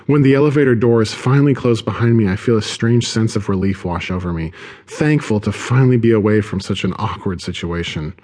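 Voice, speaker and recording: Lower-voiced male audiobook narrator. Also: a little mellow. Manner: measured, dramatic storytelling. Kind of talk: scripted first-person narration.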